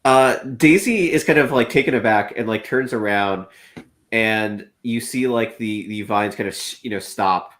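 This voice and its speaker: A man's voice: lowish voice, a little slow, fairly bright tone. A man running a tabletop role-playing game as game master, narrating with many fillers and restarts.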